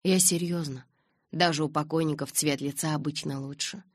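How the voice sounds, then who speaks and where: A calm, teasing teenage boy savours his words with quiet amusement, read by a woman in her own voice. The voice sits low with a husky grain. The sound is dry and close. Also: dry recording. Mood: amused. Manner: amused and unhurried.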